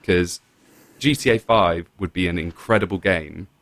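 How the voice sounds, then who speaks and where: A young British man in casual chat, relaxed and rambling with lots of fillers and restarts. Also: sits low, moderate pace, no room sound.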